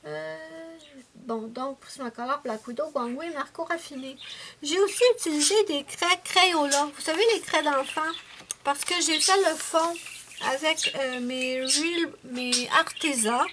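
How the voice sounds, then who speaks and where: A high-pitched woman with a Québécois accent talks in a loose, rambling way, often calling her viewers her friends. A clear, steady hiss of noise sits under the recording. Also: unhurried. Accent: Quebec French. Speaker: adult coloring channel host. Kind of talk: casual show-and-tell chat.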